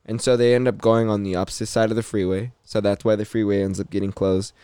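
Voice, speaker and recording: A man's voice: on the low side, little pitch movement, quick pace, dark tone, clear, resonant tone, no room sound. A young man hosting a casual podcast chat, laid-back and swearing, full of fillers. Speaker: podcast host.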